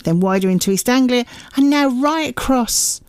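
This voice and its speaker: A woman's voice: on the high side, animated, normal speed, clean tone, dry recording, studio quality. A woman presenting a radio interview, who encourages her guest with frequent affirming remarks. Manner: warm encouraging interviewer, many affirming noises.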